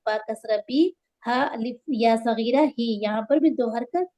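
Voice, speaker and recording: A woman gives a Quran recitation lesson in a mellow, warm voice that sits a little high. She spells letters and vowel marks one by one, chants verses slowly and draws them out, then explains each rule quickly.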